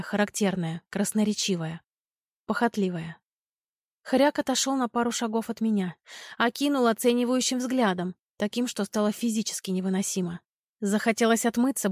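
Higher-voiced woman reading a tense story. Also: a little mellow, no echo, studio quality. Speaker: audiobook narrator. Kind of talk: first-person audiobook narration.

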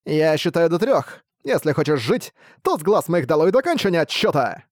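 Man doing a mocking hidden voice for an audiobook, slow and taunting, fairly high. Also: big pitch swings, dry recording, studio quality. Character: mocking unseen forest voice, grown man. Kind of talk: audiobook reading.

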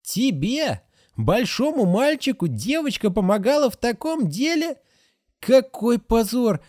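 Male reader playing a fussy, indignant older nurse in an audiobook: high, shrill, scolding. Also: big pitch swings, unhurried, a little mellow, dry recording, studio quality, heavily acted. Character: stern scolding middle-aged female nurse.

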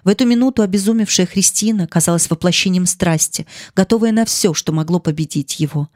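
An audiobook narrator reading a classic novel in a measured, expressive way. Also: medium pitch, no room sound, clean studio sound.

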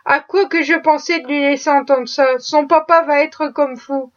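A woman reading the lines of an excitable household cook who exclaims and frets. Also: high-pitched, normal speed, muffled recording, lightly acted. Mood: fretful.

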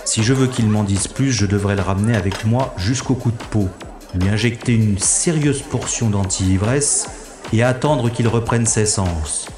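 This lead actor in a sci-fi audio drama voices a wry, cocky special agent talking himself through trouble, self-narrating theatrically and with slang. He speaks at a moderate pace in a lowish, lightly acted voice, with background music playing beneath.

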